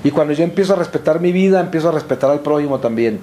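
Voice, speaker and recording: A man's voice: a little high, animated, very fast, mellow. A man preaching a sermon, emphatic and repetitive, asking the listeners questions and answering them himself. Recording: echoey room with faint ambience.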